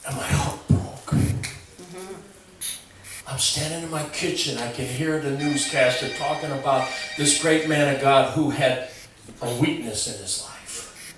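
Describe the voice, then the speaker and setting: A man preaching a sermon with humor, shifting from quiet musing to raised, emphatic delivery. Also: mid-range voice, measured pace, background noise. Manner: humorous, swings from quiet to loud. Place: church. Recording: echoey church from far off. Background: congregation responding.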